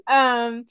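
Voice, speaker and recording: A woman in her forties from Massachusetts co-hosts a podcast, her fairly high, fairly bright voice rambling through casual chat. She laughs often and her speech is full of fillers and restarts.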